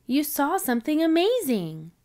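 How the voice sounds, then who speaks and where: Kind storybook mother pig, read by a woman, gentle and lively in tone. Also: sits high, moderate pace, pitched above the performer's own voice. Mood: fond. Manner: gentle, explaining.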